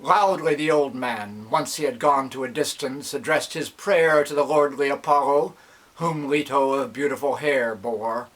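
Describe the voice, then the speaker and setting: A man narrating epic poetry in dactylic verse, with a measured, declamatory delivery that follows the metre. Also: medium pitch, a bit bright, rough recording. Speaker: reciter, narrator.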